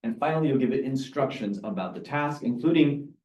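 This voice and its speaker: A man giving a lively talk to a meeting audience, explaining with examples and asking questions. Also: medium pitch, brisk, lo-fi sound. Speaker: presenter. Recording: echoey room, mic from far off.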